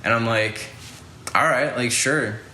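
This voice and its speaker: Young male podcast host, rambling and casual, bright voice in an echoey room. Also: medium pitch, takes it slowly, a little hiss or hum. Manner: rambling, lots of "like" fillers and swearing. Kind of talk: casual storytelling.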